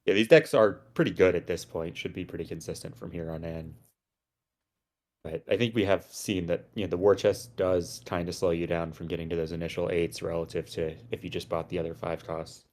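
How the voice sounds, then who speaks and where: A man giving relaxed, analytical commentary on a card game with a dry sense of humor. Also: low voice, fairly quick.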